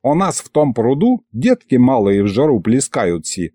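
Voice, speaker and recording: A man voicing a sarcastic, grumbling old grandfather with a creaky voice. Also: medium pitch, very animated, normal speed, mellow, no echo, studio quality. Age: older.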